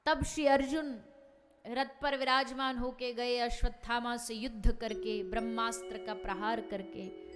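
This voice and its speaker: A woman's voice: fairly high pitch, fairly bright tone. A woman scripture storyteller giving a devotional sermon, telling the stories in a dramatic, emphatic way. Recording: reverberant hall, faint music behind.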